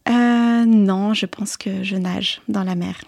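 A young woman from Vietnam chats as a guest in a relaxed radio interview. She answers haltingly, filling gaps with "euh" and little laughs. Her voice sits at a middle pitch, recorded close and dry. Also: creaky, no echo. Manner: hesitant, many fillers, soft laughs. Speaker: novelist guest.

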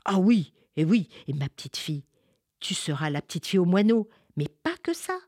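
Woman narrator as a solemn, fatherly peasant; low, dry reading voice. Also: sing-song, normal speed, a little mellow, dry recording. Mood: tender. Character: peasant father, grave but tender.

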